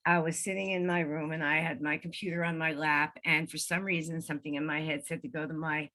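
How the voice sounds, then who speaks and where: A woman in her seventies, a guest on an interview show, telling a personal story in a lively conversational way and acting out the voices she quotes. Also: low voice, brisk. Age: 70s. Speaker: guest, medium.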